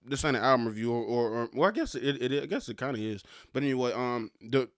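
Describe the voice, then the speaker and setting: A man's voice: mid-range voice, fast talker, no echo. Stammering casual man, dry close sound. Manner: stammering, loose slangy rap-fan talk. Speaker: podcast host. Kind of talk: casual solo podcast monologue.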